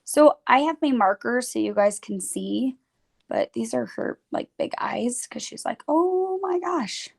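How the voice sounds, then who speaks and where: A young woman with a medium-pitched voice and vocal fry teaches kids phonics. She's casual and chatty, saying "like" a lot as she draws.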